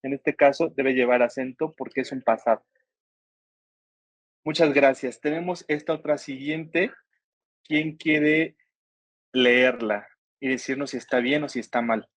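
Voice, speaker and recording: A man's voice: medium pitch, a little slow, long pauses, no echo. A man teaching an online writing workshop, patiently explaining grammar step by step and asking his students questions. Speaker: workshop instructor.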